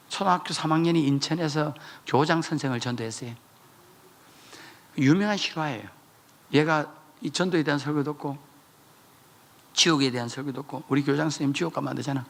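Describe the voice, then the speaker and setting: A man preaching a revival sermon in a church, telling stories with sudden shouted high bursts. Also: creaky. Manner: animated storytelling, jumping to shouted high bursts. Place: church sanctuary.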